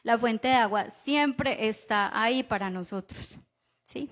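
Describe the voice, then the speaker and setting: A woman with a Colombian accent preaching a sermon in a conversational way, often checking in with the listeners through quick rhetorical questions. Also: on the high side, fairly bright tone. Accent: Colombian Spanish. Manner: conversational preaching, frequent rhetorical "¿cierto?" tags.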